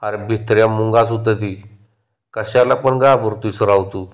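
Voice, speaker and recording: A man doing a gruff, teasing rickshaw driver. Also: lowish voice, fairly even intonation, normal speed, close to an everyday voice. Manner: mocking, irritable.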